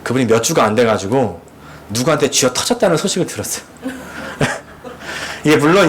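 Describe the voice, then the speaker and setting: A man in his thirties, a pastor, preaching a sermon, telling a personal story and acting out prayers and inner thoughts. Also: a bit bright. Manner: acts out quoted prayers and thoughts with sudden pitch jumps; storytelling, asks the congregation rhetorical questions.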